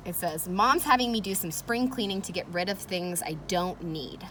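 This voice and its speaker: Her voice fairly low yet a bit bright, a woman teacher reads a children's chapter book at normal speed. She weaves in casual, encouraging comments and asks her listeners questions. The ambient noise of children playing nearby fills the background.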